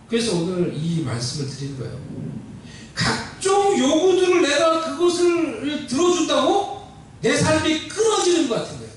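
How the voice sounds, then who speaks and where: A male pastor preaching a sermon, animated and conversational, often asking the congregation questions. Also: very high voice, very echoey, distant mic, slight background noise, low-quality recording. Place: church sanctuary.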